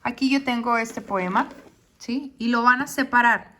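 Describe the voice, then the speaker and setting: A woman teaching a poetry lesson. She explains step by step and often checks with a quick question. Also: fairly high pitch, sharp tone, a little hiss or hum.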